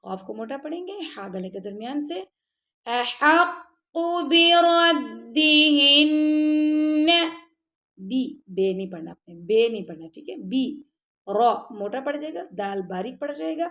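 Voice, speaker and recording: A woman with a mellow, medium-pitched, sing-song voice teaches tajweed as a Quran recitation teacher. She patiently lays out pronunciation step by step, often checking "ٹھیک ہے؟", and slips into slow, drawn-out chanted recitation between plain explanation.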